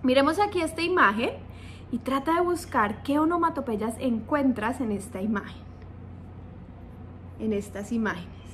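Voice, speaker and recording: A woman's voice: high voice, normal speed, long pauses, slight background noise. A young adult woman teacher giving a video lesson to young writers, playful and coaxing, often checking in with the viewer.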